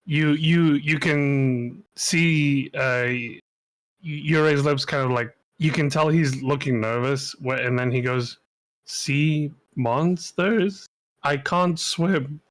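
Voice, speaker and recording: A man's voice: medium pitch, steady tone, takes it slowly, fairly bright tone, no room sound. A man player in a tabletop game, hesitant and full of fillers as he describes his character.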